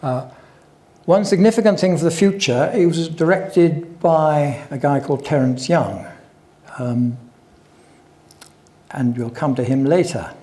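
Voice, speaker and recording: A man's voice: on the high side, measured pace, long pauses, warm tone. An older man giving a chatty public talk, full of wry asides and digressions. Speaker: guest speaker at a local history talk.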